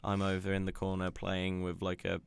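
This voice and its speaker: A man's voice: deep voice, completely flat delivery, brisk, creaky, clear, resonant tone. A young man from England co-hosting a podcast in joking, teasing casual chat on a close mic. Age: young adult. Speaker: podcast co-host. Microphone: close mic without pop shield.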